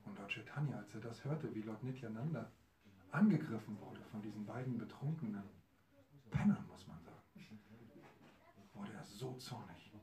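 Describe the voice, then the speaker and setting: A man telling a devotional story to a live audience, lively and asking his listeners questions. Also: fairly low pitch, moderate pace, long pauses. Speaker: storyteller, preacher. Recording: roomy hall, mic far, audience.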